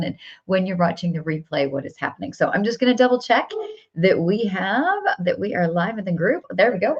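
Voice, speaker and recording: A woman business coach hosts a live coaching stream, talking straight to viewers in an upbeat way and repeating phrases. Her medium-pitched voice is gravelly and hoarse from cheering. The livestream audio is dull and lo-fi.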